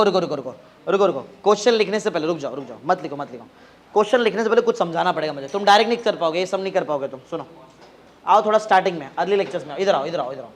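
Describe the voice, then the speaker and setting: Brisk high-voiced male physics tutor. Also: fairly bright tone. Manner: brisk, coaxing, repeats phrases, quizzes students. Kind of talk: live classroom teaching. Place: coaching classroom.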